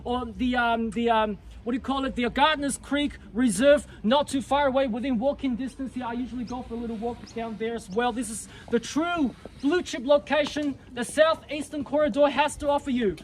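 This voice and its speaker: A man's voice: very high voice, brisk, few pauses, slight background noise. A man working as a real estate auctioneer, calling bids at a live auction with showy, repetitive patter that rallies the bidders. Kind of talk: live auction calling, repeating bid amounts. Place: live property auction before a crowd.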